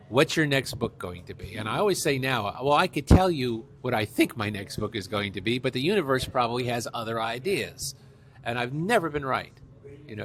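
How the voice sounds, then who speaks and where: A middle-aged or older man appears as an author guest in a conversational interview, telling anecdotes, quoting exchanges, and repeating key phrases for emphasis. His mid-pitched voice is a bit bright.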